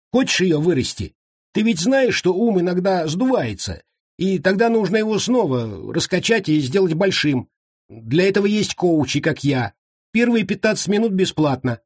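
A squeaky, babbling wild savage. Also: male voice, a little mellow, no room sound, studio quality. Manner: squeaky, trembling, babbling nonstop. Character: frightened chattering wild man, squeaky.

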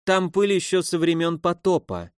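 A man voicing a drunken, cruel old woman who scolds and mocks in a loud, theatrical way. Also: high-pitched, big pitch swings, normal speed, smooth, no echo, studio quality, voice pushed up. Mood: sardonic. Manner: sneering, scolding, loudly theatrical.

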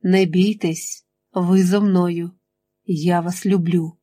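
A woman voicing a menacing, controlling male chemist in an audiobook, speaking slowly and insistently. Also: on the low side, fairly even intonation, warm tone, no room sound. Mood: coaxing. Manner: slow, insistent, threatening.

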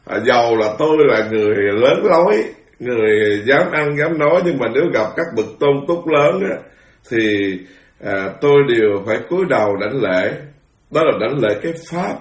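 A man delivering a Buddhist sermon, moving between quiet asides and forceful outbursts. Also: mid-range voice, animated, normal speed, reverberant. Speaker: Buddhist monk teacher.

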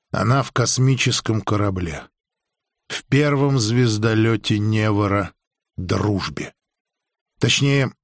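A man narrating a science fiction audiobook in a measured, even storytelling voice. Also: fairly low pitch, vocal fry, no room sound, studio quality. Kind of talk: scripted narration.

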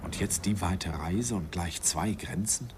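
With a crowd audible behind him, an actor narrates a radio drama as a man in his forties reminiscing about his student days. His low voice takes an unhurried pace, and the tone is wistful and self-mocking as he recalls his youth.

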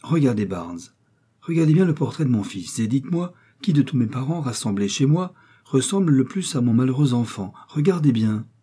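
A man's voice: medium pitch, very animated, normal speed, breathy edge, voice pushed up. A man voicing an old, wealthy squire, curt with his servants and tender when alone, in a storybook reading. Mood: commanding. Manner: sharp with servants, tender in private. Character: grieving old man, wealthy master of a manor.

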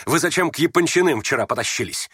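A sharp-tongued young man snaps and scolds in lively, rising bursts, as a male reader voices him. The sound is close and dry. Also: fairly high pitch, quick pace, slightly rough, dry recording, pitched above the performer's own voice. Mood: angry. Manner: scornful, snapping.

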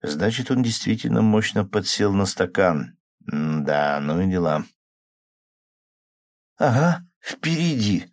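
A man calmly narrating a novel in the first person as an audiobook. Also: low voice, a little slow, no echo, clean studio sound.

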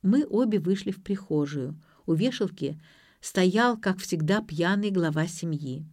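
A woman's voice: on the low side, animated, measured pace, darkish tone, dry recording. Woman narrating an audiobook, dry close sound.

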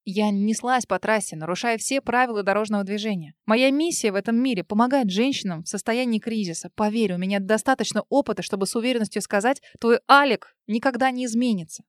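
A woman's voice: mid-range voice, fast talker, hardly any pauses, dry recording, clean studio sound, close to an everyday voice. A woman voicing a resolute friend who works at a crisis center, speaking firmly and reassuringly. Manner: firm, reassuring.

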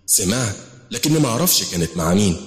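A man's voice: on the low side, sing-song, fast, reverberant, long reverb tail. A man with an Egyptian accent voicing a mocking, arrogant female jinn queen in a spoken horror story. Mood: scornful. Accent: Egyptian Arabic. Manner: scornful, teasing.

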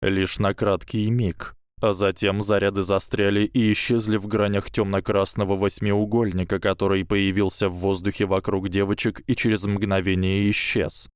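A man reading an audiobook in measured, even storytelling narration, close to the mic. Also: lowish voice, smooth, no echo.

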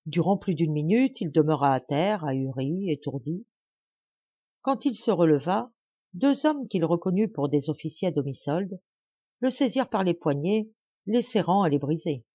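A woman narrating an audiobook of a classic novel with an expressive, dramatic reading. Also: fairly low pitch, moderate pace, slightly rough, dry recording, muffled recording.

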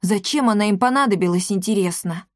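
A woman's voice: medium pitch, a little fast, dry recording, clean studio sound, natural voice. A woman voicing an earnest, serious boy explaining things.

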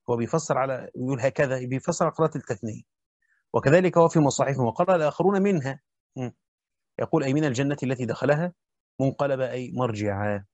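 Fast-reading Egyptian man teaching. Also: medium pitch, darkish tone, dry recording. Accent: Egyptian Arabic. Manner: brisk reading with colloquial asides. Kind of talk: reading and explaining a classical text. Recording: dull lo-fi dry recording.

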